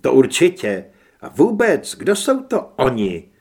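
A man's voice: medium pitch, wildly swooping pitch, a little mellow. A man reading an audiobook, voicing a stubborn, idealistic young male reporter who argues emphatically. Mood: weary.

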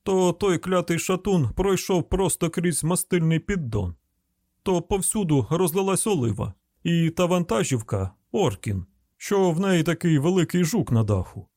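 Brief: narrator playing a gruff older Arkansas man, loud folksy grumble, dry close sound. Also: fairly high pitch, expressive, moderate pace, no room sound, pitched above the performer's own voice. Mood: grumbling.

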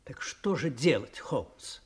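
An actor playing an earnest, soft-hearted gentleman doctor and loyal sidekick in an audio drama, speaking emotively and eagerly with a husky voice. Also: mid-range voice, big pitch swings, slow pace, full character voice. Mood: anxious, curious. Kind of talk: Russian audio drama acting.

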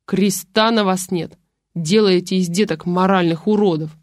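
A woman voicing a coarse old grandmother who scolds in a slow, booming bass. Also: fairly even intonation, darkish tone, no echo, studio quality, close to an everyday voice. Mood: scolding.

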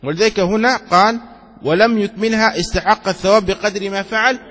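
Male scholar, religious law lecture, high husky voice, long hall reverb, reads text then explains it. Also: fairly quick, fairly bright tone. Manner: explains with examples and checks understanding. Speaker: Islamic scholar teaching a text.

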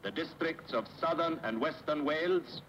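An actor playing a stern Nazi announcer who declaims propaganda proclamations over a car loudspeaker in a film drama. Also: male voice, fairly high pitch, moderate pace, highs cut off. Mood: commanding. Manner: declamatory, commanding. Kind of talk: propaganda public-address announcement. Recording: noisy loudspeaker-style public announcement.

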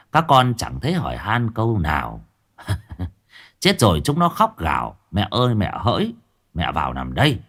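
A man voicing a weary, sharp-tongued young sorceress muttering scornfully in a ghost story. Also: sits low, full character voice.

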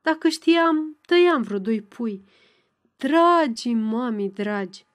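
A woman's voice: a little high, expressive, natural voice. A woman voicing a flustered, doting middle-aged mother who fusses tenderly. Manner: fussing, emotional, tender.

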